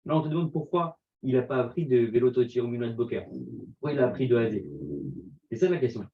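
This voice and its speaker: A man's voice: medium pitch, quick pace, gravelly, phone-quality sound. A man in a Talmud class explaining a point, hesitant and repeating himself as he reasons aloud. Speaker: student. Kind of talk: classroom discussion.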